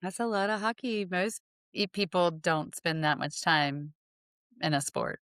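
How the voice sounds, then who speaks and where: Low-pitched woman, rambling and dry. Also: a little slow, fairly bright tone, clear, resonant tone, no echo. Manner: rambling and hesitant, full of fillers and restarts. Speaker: podcast co-host. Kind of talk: casual podcast chat.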